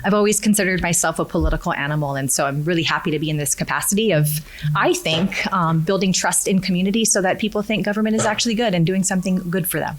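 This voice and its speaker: A woman, a county council member talking earnestly and warmly in an interview. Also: lowish voice, quick pace. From Hawaii. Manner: earnest, upbeat, laughs easily. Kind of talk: interview conversation.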